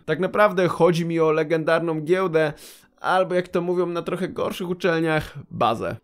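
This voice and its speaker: A young man in his twenties talks straight to his viewers, handing out practical advice about university life. His voice sits slightly higher than most men's, and his delivery is scripted, direct, with a dry wry edge. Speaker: YouTuber giving study advice.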